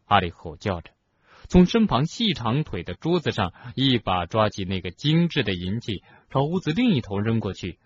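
A man narrating a novel as an audiobook, with expressive storytelling. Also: fairly low pitch, moderate pace, husky. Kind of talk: scripted narration. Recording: dull lo-fi recording.

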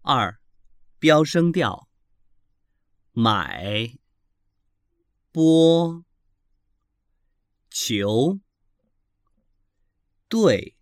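A man reads pronunciation drills one word at a time, very slowly and deliberately. His voice moves widely in pitch to show each tone clearly. The sound is close and dry, with no room sound. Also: no echo. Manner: carefully enunciated, each syllable held apart. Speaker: language teacher reading drills. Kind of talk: slow textbook pronunciation drill reading.

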